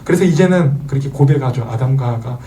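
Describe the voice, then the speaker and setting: A man's voice: mid-range voice, fast talker, warm tone, far from the mic. A man preaching a sermon to teenagers, asking the audience questions and acting out the voices he quotes. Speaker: youth pastor.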